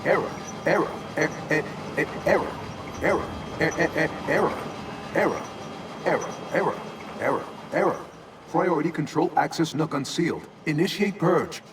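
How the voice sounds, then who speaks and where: A glitching male archive AI from a video game, looping on errors and chopping his words into stuttered fragments. The voice swings widely in pitch. It sits back from the mic under a steady hum of machinery. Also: measured pace. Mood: malfunctioning. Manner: repeats and cuts off syllables, error loops. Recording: distant game audio with loud hum.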